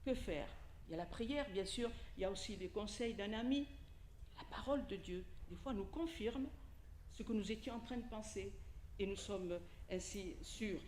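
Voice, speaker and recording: At medium pitch and moderate pace, a slightly mellow female voice carries through an echoey room with a little hiss or hum. The speaker, an Italian native and lay preacher, gives a conversational sermon during a church hall service, putting questions and asides to the congregation.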